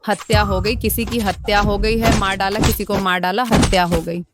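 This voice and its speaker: A woman's voice: mid-range voice, steady tone, moderate pace, lightly acted. A woman voicing a deranged young woman who rants and pleads in a frantic, repetitive way, in a dubbed drama. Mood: frantic raving. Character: deranged young woman raving about murder. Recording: voice over loud music.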